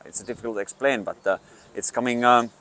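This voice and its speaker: A man who is not a native English speaker gives an informal outdoor lesson as a hunting instructor, explaining in a halting, hesitant way. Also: medium pitch, fairly even intonation, a bit bright. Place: outdoors in the countryside.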